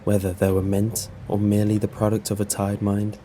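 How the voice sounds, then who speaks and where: A man narrating a scripted first-person story in a measured, serious way. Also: fairly low pitch, monotone, heavy background noise.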